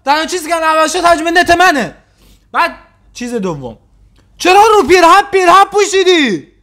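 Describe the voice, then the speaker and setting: A man hosting a reaction video, teasing and mocking the clips he plays with quick sarcastic retorts. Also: very high-pitched, sing-song, pushed and bright. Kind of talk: casual mocking commentary.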